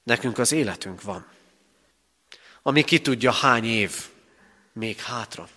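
Male pastor, sermon, emphatic rises and pauses, mid-pitched, long church reverb. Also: expressive, bright, forceful tone. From Hungary.

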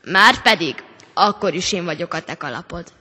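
A woman's voice: medium pitch, long reverb tail. A woman voicing a bossy talking hat. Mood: insistent. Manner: flat, insistent.

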